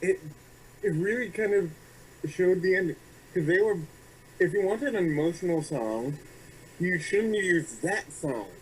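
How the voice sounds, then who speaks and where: A young man co-hosting a film review, chatty and a little halting as he adds his points. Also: high-pitched, animated, a little hiss or hum, rough recording. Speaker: reviewer co-host. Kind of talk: casual review chat.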